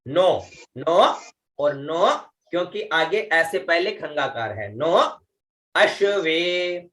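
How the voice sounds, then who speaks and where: Slow, bright-voiced man teaching chant. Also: on the high side, lively intonation. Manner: slow, drawn-out syllables with chanted demonstrations; explains pronunciation patiently, often adds "है ना". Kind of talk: online recitation lesson.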